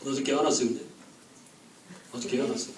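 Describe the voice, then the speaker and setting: A man teaching a history class, firing quick questions at the students and joking with them. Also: medium pitch, fairly even intonation, reverberant, far from the mic, background noise. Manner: quizzes the class with quick questions, jokes and laughs. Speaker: history lecturer.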